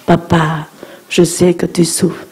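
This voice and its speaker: A woman interpreting a dharma talk for children in a gentle manner, guiding them through breathing exercises. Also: on the low side, level tone, slow pace, husky.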